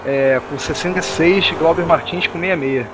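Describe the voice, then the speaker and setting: A man's voice: on the high side, fairly quick. A man giving a casual rundown of standings as a motorsport commentator. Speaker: commentator reading championship standings. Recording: noisy, engine hum behind.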